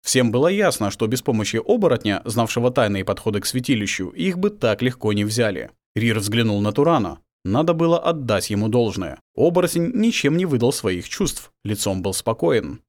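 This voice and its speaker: A man narrating a fantasy audiobook with a dramatic, expressive reading. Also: medium pitch, moderate pace, hardly any pauses.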